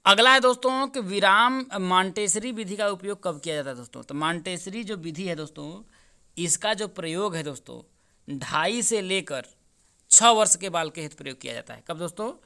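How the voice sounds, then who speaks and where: A man's voice: high-pitched, normal speed, bright, forceful tone, clean tone. A man teaching, working through a paper's answers and repeatedly asking his students questions. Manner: repeats questions to students, addresses them as friends. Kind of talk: exam paper solution lesson.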